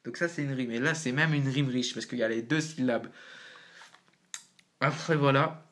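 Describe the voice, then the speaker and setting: A man's voice: medium pitch, normal speed, fairly bright tone. Slangy young man explaining casually. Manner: slangy, loose, thinking aloud. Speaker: amateur rapper explaining rhyme. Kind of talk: casual home-made tutorial.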